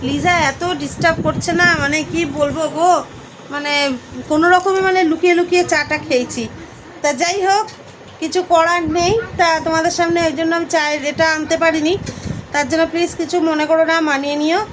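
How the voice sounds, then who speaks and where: A high-pitched woman with a Bengali accent talks to her viewers like friends as she films her daily routine at home. She speaks into a phone camera, with a faint hum of household noise behind her. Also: fairly even intonation, fairly quick. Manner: chatty, addresses viewers as friends. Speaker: vlogger. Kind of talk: casual daily vlog narration. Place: family home.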